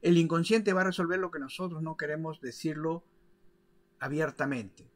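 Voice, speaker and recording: Brief: male teacher, slightly higher voice, patient explainer, keeps asking "ok?". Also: steady tone, moderate pace. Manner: didactic, checks in with frequent "¿ok?" and "¿de acuerdo?"; demonstrates with his hands while explaining. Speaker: biodecoding teacher. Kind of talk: explanatory video lesson.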